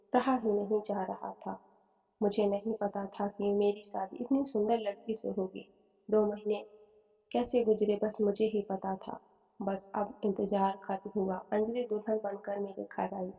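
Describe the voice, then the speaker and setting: A woman reading a first-person story aloud in a flat, even way. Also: medium pitch. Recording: phone-like tone, long reverb, soft music.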